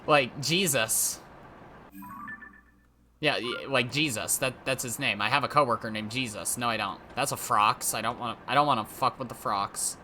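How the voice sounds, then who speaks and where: A man's voice: mid-range voice, normal speed, bright, forceful tone, a little hiss or hum. A young man rambling through casual, self-mocking, profanity-laced commentary while playing a game at home. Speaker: let's play gamer.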